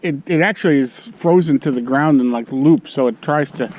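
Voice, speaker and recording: A man's voice: a little high, moderate pace. A man casually narrating his own hike for a trail vlog, speaking outdoors on a snowy mountain. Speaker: hiker narrating own trek. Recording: noisy outdoor audio with wind.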